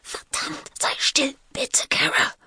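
A woman voicing a panicked teenage girl who urges her little sister in hushed, urgent whispers, as whispered role-play. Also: slow pace, dry recording, clean studio sound.

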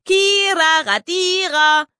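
A woman voicing a cheeky little girl who chants mocking rhymes in a shrill sing-song voice for an audiobook. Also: slow pace, bright, forceful tone, no echo, studio quality, exaggerated voice. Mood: taunting sing-song. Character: cheeky shrieking little girl, teasing taunter. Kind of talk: audiobook character voice.

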